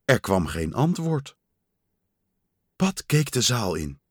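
A man reading a children's story aloud in a slow, lively storytelling manner. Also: mid-range voice, husky, no echo, studio quality. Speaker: storybook reader.

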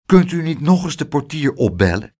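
A man's voice: sing-song, normal speed, a little mellow, slightly rough. A polite, earnest boy from a children's story, speaking up eagerly in a raised voice, as a man reading the book voices him. The tone moves up and down a lot. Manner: eager, raised boyish pitch. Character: polite young boy hero.

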